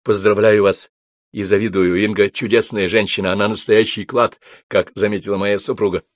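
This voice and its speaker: A man voicing a boisterous horse husband who repeats his loud exclamations. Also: fairly low pitch, flat delivery, moderate pace, no echo, natural voice. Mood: effusive.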